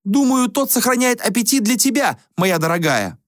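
A man's voice: very high voice, very animated, moderate pace, dry recording, studio quality, voice pushed up. A man doing a vain, sneering young prince. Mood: mocking. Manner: mocking, dismissive, affected. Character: young male prince and artist, vain, flippant and rude.

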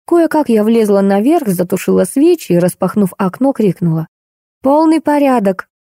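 Женщина с мягким тёплым голосом читает ироничную прозу. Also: female voice, mid-range voice, big pitch swings, normal speed, mellow, no echo, clean studio sound. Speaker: audiobook reader. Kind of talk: scripted narration.

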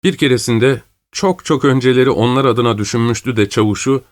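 A man calmly reading a story aloud as narrator, in a measured way. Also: mid-range voice, no echo.

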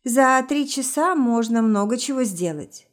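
A woman reading a story aloud, voicing a jealous, hysterical young woman whose voice is shrill and raised in accusation. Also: expressive, a little slow. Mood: accusing.

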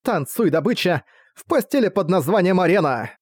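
A man's voice: high voice, very animated, normal speed, dry recording, clean studio sound, pitched above the performer's own voice. A man voicing a group of plucky young female fan-club girls in an audiobook, eager and chirpy. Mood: chanting. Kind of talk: audiobook character voice.

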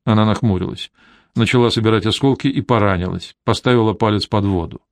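A man narrating a detective novel in an even, measured storytelling manner. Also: lowish voice, dry recording, clean studio sound. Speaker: audiobook narrator. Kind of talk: scripted narration.

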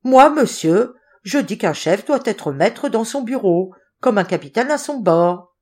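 A woman's voice: mid-range voice, very animated, moderate pace, a little mellow, pitched above the performer's own voice. A woman reading the part of a pompous, authoritarian male deputy office chief who lectures his colleagues. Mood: exasperated. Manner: indignant, lecturing.

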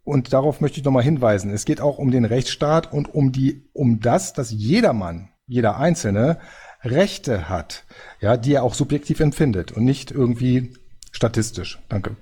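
A man's voice: mid-range voice, expressive, normal speed, warm tone, husky. A man in a panel discussion, speaking up from the audience with an earnest, lecturing manner and frequent restarts. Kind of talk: spontaneous debate statement.

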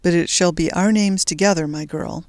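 A daring young resistance fighter, voiced by a reader, who talks in a brisk, determined way. He stays tender with his sweetheart, and his lines come through clean and dry, with no room sound, like a close storybook reading. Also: medium pitch, steady tone, no echo, natural voice. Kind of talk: audiobook character voice.

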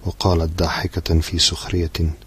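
Brief: low, husky-voiced male narrator for a literary audiobook, measured and steady.

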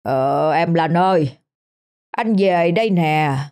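Woman doing a slow-drawling village husband. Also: lowish voice, expressive, darkish tone. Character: plain village husband, slow then screaming.

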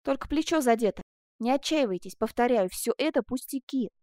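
A woman's voice: fairly high pitch, animated, a little fast, a little mellow, dry recording, studio quality, natural voice. A woman reading as an earnest young apprentice. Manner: earnest, reassuring. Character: devoted young male apprentice, brave and gentle.

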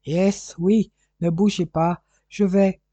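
A man's voice: high voice, fairly even intonation, slow, mellow, dry recording. A man doing a curt English detective with a light British accent. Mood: commanding. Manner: curt, clipped orders. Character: cool English detective, male, adult, commanding.

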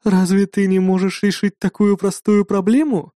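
A man voicing a commanding, mocking female demoness in an audiobook, drawling slowly and imperiously. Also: sits high, flat delivery, mellow, dry recording, studio quality, voice pushed up, natural voice. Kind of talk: audiobook narration.

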